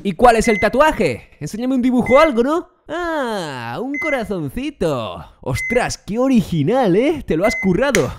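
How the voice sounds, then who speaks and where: A man hosting comic VR gameplay as a mad doctor, theatrical and loud, sometimes breaking into goofy songs. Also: very high voice, sing-song, normal speed, hardly any pauses, background noise. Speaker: VR gaming host playing a doctor. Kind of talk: comic gameplay role-play. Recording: music playing behind.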